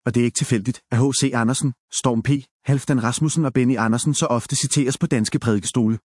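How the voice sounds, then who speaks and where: A man's voice: mid-range voice, darkish tone, no echo. Man telling stories, dry close sound. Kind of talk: reflective talk with read-out quotes.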